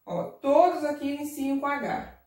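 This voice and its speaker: A woman's voice: high-pitched, a little mellow. A patient woman teacher talks through a lesson for young children, drawing out words to show where the stress falls. She sits a little away from the microphone. The room around her rings with echo. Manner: patient, drawn-out word stress, frequent "tá?" and "ó". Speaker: primary school teacher. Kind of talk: recorded remote lesson. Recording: echoey room, distant mic.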